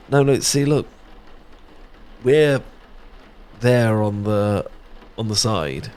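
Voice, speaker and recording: In this cozy, casual ASMR roleplay, a British man plays a young best friend who's affectionate and playful, chatting and teasing with gentle tag questions. His voice sits on the low side, and there's a little background noise.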